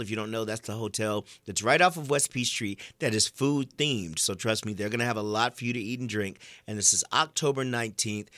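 A man's voice: mid-range voice, bright, forceful tone, dry recording. A man co-hosting a news podcast, chatting in an upbeat way about local events with jokey asides, into a studio microphone. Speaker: co-host, events correspondent.

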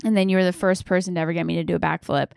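A woman's voice: on the low side, flat delivery, racing, vocal fry, a little mellow, clear, resonant tone, dry recording, clean studio sound. A woman co-hosting a casual podcast, chatting loosely with lots of "like" and "um" and laughing often. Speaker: podcast co-host.

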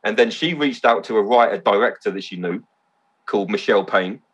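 Male podcast guest, husky and fairly low-pitched, eager storyteller who swears casually. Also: a little fast, fairly bright tone, lo-fi sound. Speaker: podcast guest, event organiser. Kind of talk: casual chat.

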